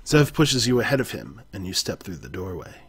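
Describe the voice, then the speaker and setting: Reading an interactive adventure aloud in the second person, a man with a deep, breathy voice swings widely in pitch and speaks a little fast. Now and then he stops to correct himself.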